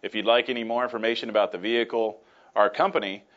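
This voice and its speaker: A man's voice: on the low side, fairly even intonation, fast, lo-fi sound. A man leading a casual walking tour of a workshop, friendly and plain-spoken with frequent fillers. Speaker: company tour guide. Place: workshop and offices, indoors.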